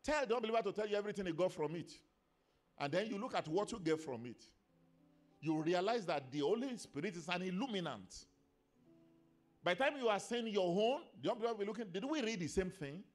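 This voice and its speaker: A middle-aged man preaching a sermon in a church, swinging between quiet storytelling and emphatic scripture reading. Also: sits high, animated, quick pace, faint music behind. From Nigeria. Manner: laughs between stories. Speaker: pastor.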